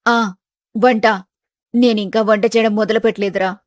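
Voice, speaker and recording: A woman's voice: fairly high pitch, steady tone, moderate pace, a little mellow, no echo, studio quality, faint music behind, lightly acted. A woman voicing a bossy, determined middle-aged mother in a storybook tale. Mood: insistent. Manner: insistent, scolding. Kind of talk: storybook voice acting.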